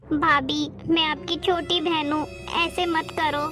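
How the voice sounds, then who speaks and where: A woman playing a meek, fearful young sister-in-law who answers softly and pleads. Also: high voice, little pitch movement, slow pace, loud music behind the voice. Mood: pleading. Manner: timid, pleading, hesitant. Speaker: performer in a family skit. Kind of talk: amateur family drama acting.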